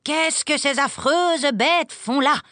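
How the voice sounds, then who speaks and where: A woman voicing a strict, easily outraged housekeeper in a storybook reading, with a shrill, raised voice. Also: sing-song, normal speed, dry recording, natural voice. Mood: outraged shouting.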